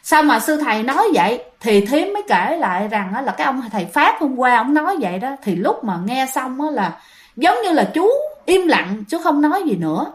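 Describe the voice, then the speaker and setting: A woman's voice: high voice, big pitch swings, brisk. A woman with a Southern Vietnamese accent, casually retelling a ghost story and chatting directly to her listeners.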